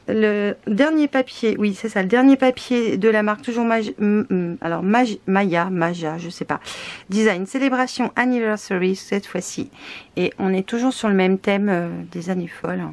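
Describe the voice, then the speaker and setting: A woman's voice: medium pitch, moderate pace, a little mellow. A woman from France chatting casually as she shows craft papers, hesitant with many fillers. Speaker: scrapbooking vlogger. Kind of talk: casual product unboxing chat.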